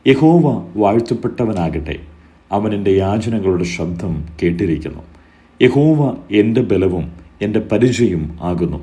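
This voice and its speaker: A man giving a solemn scripture reading, measured and phrase by phrase, lifting his voice on each invocation. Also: fairly low pitch, lively intonation, dark tone. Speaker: scripture reader.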